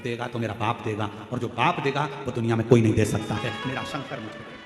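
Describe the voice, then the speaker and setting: A man preaching a devotional sermon to a large live gathering, swinging between loud high exclamations and soft low pleading, acting out quoted voices. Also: brisk, music in the background. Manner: acts out quoted voices in his talk. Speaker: religious storyteller preacher. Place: large religious gathering hall. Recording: echoey hall with long reverb.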